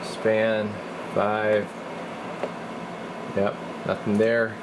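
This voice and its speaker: Muttering casually as he works at an indoor radio bench, a technician demonstrates his repairs. His voice is on the low side, completely flat, and very slow, with background noise in the room.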